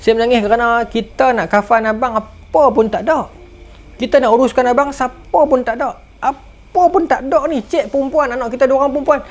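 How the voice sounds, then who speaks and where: A man's voice: fairly even intonation, fairly quick. A man voicing the grieving wife of a dying desert ascetic, pleading and distressed. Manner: pleading, high-pitched and distressed.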